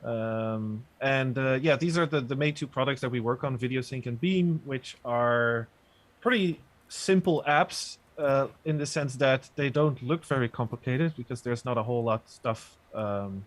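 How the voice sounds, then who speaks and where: Relaxed hesitant male guest demoing. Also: medium pitch, moderate pace. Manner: relaxed, hesitant, many uhs. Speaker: guest software developer and producer. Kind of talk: casual explanation and demo. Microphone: video call, sits back from mic.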